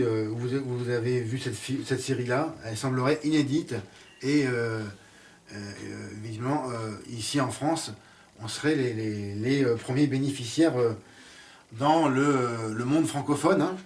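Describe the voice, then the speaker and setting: Guy doing a video review, lots of euhs, mid-pitched voice, sounds a little far from the mic. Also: a little slow, slight background noise. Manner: hesitant, many "euh" fillers and restarts. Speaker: film and series reviewer.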